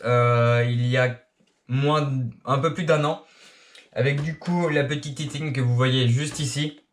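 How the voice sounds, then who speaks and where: Young male RC YouTuber from France, late teens, halting casual delivery, average pitch. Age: young adult. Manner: hesitant, many filler sounds. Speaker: RC hobby YouTuber. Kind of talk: casual self-introduction. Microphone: action camera.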